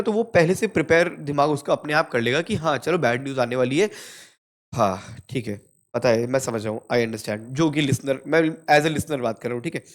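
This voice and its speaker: A man with an Indian accent teaching spoken English in a casual, chatty lesson, mixing Hindi and English and tagging "ठीक है" onto nearly every phrase. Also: fairly high pitch. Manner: fillers "ठीक है" after almost every phrase; chatty, addresses viewers as brother.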